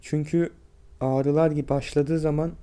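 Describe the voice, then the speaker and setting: Weak, strained young man, subdued monotone. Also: fairly high pitch, moderate pace, clean tone. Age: 20s. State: sick and drained with fever and aches. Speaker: vlogger. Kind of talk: personal health vlog, speaking to viewers.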